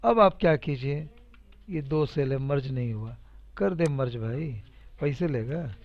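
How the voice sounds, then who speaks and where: A man's voice: medium pitch, a little slow. A man teaching a casual spreadsheet lesson, talking steps through in a chatty, repetitive, teasing and encouraging way. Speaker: computer teacher. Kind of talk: casual live spreadsheet tutorial. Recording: dull lo-fi recording.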